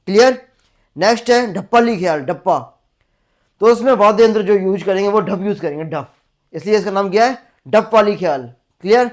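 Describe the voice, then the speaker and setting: A male teacher with a Rajasthani accent gives an exam-prep lecture, asking "clear?" again and again and repeating facts to drill them. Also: sits high, brisk. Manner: asks the class "clear?" again and again.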